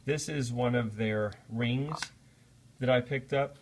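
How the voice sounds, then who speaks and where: A man's voice: mid-range voice, slow, darkish tone, slight background noise. A man presenting a casual unboxing vlog, talking in a friendly, apologetic way with frequent "uh" fillers. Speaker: product reviewer.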